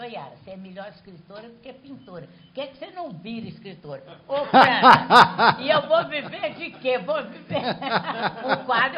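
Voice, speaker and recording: An older woman speaking Brazilian Portuguese, an artist, answers questions in conversation after a lecture. Her voice is on the high side, and she's a lively storyteller who laughs while sharing anecdotes. The hall recording is muffled and lo-fi, with faint noise.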